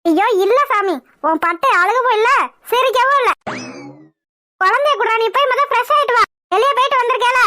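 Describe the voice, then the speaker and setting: A woman's voice: very high-pitched, brisk, sharp tone, no room sound, voice pushed up. A woman voicing a fretful old grandmother in a village cartoon, who scolds her son and frets over the baby. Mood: scolding. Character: worried old grandmother, fond and fussing.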